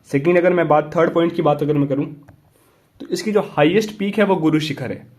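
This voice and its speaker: A man's voice: fairly high pitch, fairly quick, a little mellow. A young man teaching an exam prep lesson in a casual explaining style, often asking whether students have understood and switching between Hindi and English. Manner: repetitive checking questions, mixing Hindi and English.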